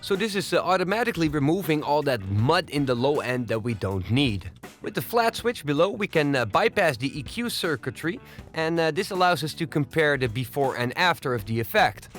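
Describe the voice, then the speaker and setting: A man presenting an audio plugin tutorial in a home studio, explaining each control step by step in a steady, methodical way. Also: fairly high pitch, brisk, soft background music. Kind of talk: software walkthrough tutorial.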